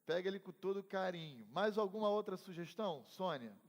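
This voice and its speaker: A man's voice: high-pitched, expressive, fairly quick. A middle-aged Brazilian man, a pastor teaching a Bible class conversationally, telling personal stories with humor and asking the class questions. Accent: Brazilian Portuguese. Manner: conversational, asks the class questions and calls on members. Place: church hall. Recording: reverberant church hall.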